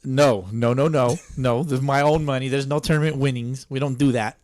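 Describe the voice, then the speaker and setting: A man co-hosting a podcast, chatting casually in an animated way, swearing and laughing often. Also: medium pitch, a little fast, no echo, studio quality. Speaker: podcast co-host. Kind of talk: casual chat.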